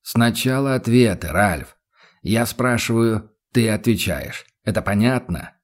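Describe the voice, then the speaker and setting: A man voicing a calm, stern male investigator who questions in a level, insistent voice. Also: lowish voice, unhurried.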